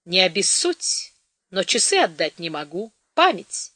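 A woman's voice: lowish voice, very animated, a little slow, sharp tone, dry recording, heavily acted. Woman voicing a dry, curt war veteran peasant in a storybook reading. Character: stern weathered peasant war veteran man.

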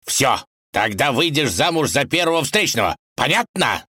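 A man's voice: lowish voice, lively intonation, moderate pace, bright, forceful tone, no room sound, clean studio sound, pitched above the performer's own voice. Irritable old king, demanding and impatient, voiced by a male reader.

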